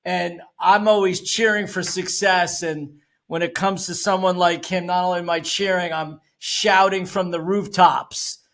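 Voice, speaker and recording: A man's voice: sits high, steady tone, measured pace, a bit bright. An older man hosting a podcast interview, upbeat, loose and conversational. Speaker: podcast host.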